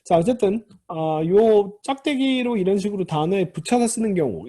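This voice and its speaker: Animated, husky-voiced male lecturer. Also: high-pitched. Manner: patient, repeats key terms, starts points with "자". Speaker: Hebrew grammar lecturer. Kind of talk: recorded classroom lecture.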